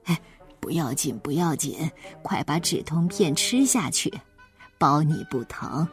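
A woman voicing a kindly, hard-of-hearing old grandmother, speaking low and softly with a doting manner. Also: big pitch swings, a little slow, faint music behind, exaggerated voice.

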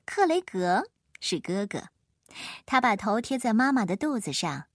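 Woman storyteller, breathy, very expressive, soft music behind. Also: fairly high pitch, measured pace, dry recording, clean studio sound. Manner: lively, expressive. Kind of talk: children's picture-book reading.

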